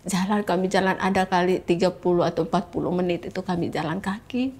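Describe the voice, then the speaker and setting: In an interview, a woman gives an emotional account of her own life, addressing the host as "Kak" and imitating the voices of people in her story. Her voice is on the low side and darkish, with fairly even intonation and a quick pace.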